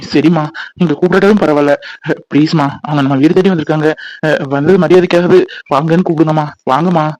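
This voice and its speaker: A man's voice: on the high side, fairly even intonation, a little mellow, dry recording, natural voice, rough recording. A man playing a young husband who coaxes his mother and reassures his new in-laws. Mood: pleading. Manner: pleading, coaxing, quick.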